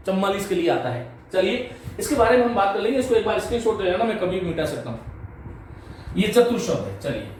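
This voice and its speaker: A man's voice: high-pitched, darkish tone. A male Sanskrit teacher giving a patient board lecture, repeating key points and addressing viewers as friends. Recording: echoey room from a distance, faint hiss.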